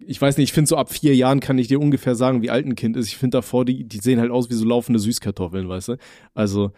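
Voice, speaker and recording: A man's voice: mid-range voice, fairly even intonation, quick pace, warm tone, no echo, studio quality. A man telling rambling stories in casual chat as a podcast co-host, full of slang. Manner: rambling slangy storytelling, says "Alter" often.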